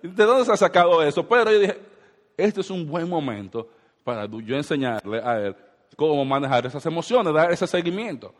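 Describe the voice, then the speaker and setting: A man delivers a sermon in a slightly higher voice, asking his congregation question after question. His words ring out with a long hall reverb, as if from a church sanctuary. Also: lively intonation, moderate pace. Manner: preaching with rhetorical questions to the congregation. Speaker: pastor.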